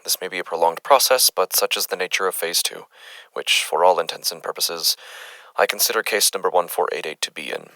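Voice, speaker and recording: A man's voice: deep voice, brisk, sharp tone, no echo, poor audio. A man playing an uneasy, methodical doctor who records case findings formally and hesitantly in a horror audio drama. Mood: uneasy, resolute.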